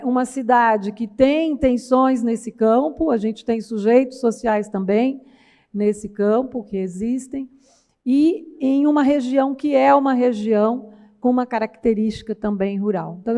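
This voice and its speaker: A woman's voice: fairly high pitch, warm tone. Reflective woman with a caipira accent. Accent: caipira, interior São Paulo. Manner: reflective, winding sentences with frequent tag questions. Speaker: panel speaker. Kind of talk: academic conference talk. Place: large auditorium. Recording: long hall reverb.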